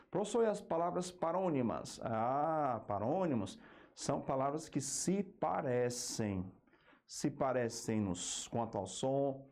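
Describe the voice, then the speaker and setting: A Brazilian man teaching an exam-prep grammar lesson, slowing down to spell out key terms and checking in with a quick "ok?" between points. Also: mid-range voice, a little mellow. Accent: Brazilian Portuguese.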